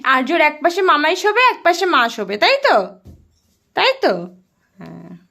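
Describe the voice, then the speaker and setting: Lively sing-song Bengali mother vlogging. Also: high voice, normal speed, creaky. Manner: coaxing, sing-song talk to a toddler, swinging from lively to hushed asides. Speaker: vlogger filming her young son. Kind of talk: casual family vlog narration and talk to a child.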